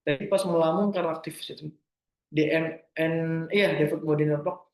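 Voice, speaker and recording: A young man answering listener questions in a casual talk, gentle and reassuring, often forgetting terms and restarting. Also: a little high, steady tone, moderate pace, roomy sound.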